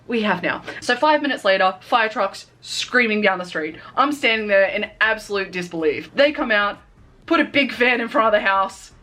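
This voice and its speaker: A young woman vlogger telling a storytime tale in a lively way, acting out what people said. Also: medium pitch. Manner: animated, acts out quotes. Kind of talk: storytime vlog.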